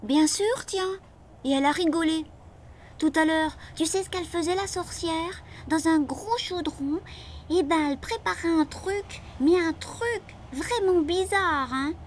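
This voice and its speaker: A woman doing an anxious, high little boy. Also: unhurried, a little hiss or hum. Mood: conspiratorial. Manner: urgent, pleading, excitable.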